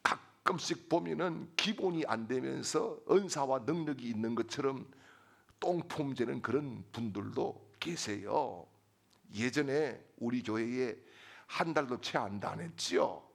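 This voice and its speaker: A middle-aged pastor delivers a sermon with a husky, gravelly voice. His pitch swings widely, climbing into shouted refrains. Between them he tells humorous stories and acts out the characters. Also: expressive, a little slow. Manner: preaching with rising shouted refrains.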